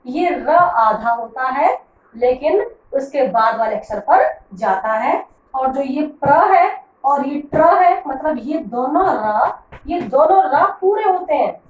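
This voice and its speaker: Woman teacher, high voice, unhurried, patient, repeats questions, echoey room heard from a distance. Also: muffled recording, a little hiss or hum. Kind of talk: classroom grammar lesson.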